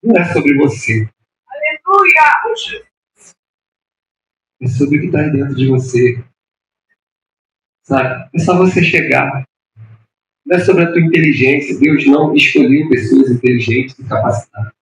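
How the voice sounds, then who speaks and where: A man's voice: medium pitch, normal speed, pauses often, distant mic, slight background noise. Man preaching in an echoey church. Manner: impassioned preaching, voice rising to shouts. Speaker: pastor. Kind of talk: sermon. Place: church hall.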